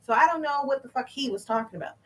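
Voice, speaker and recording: A woman's voice: sits high, racing, a bit bright. A woman delivering an indignant, profanity-filled rant straight to the camera. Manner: swearing, indignant, emphatic. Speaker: vlogger.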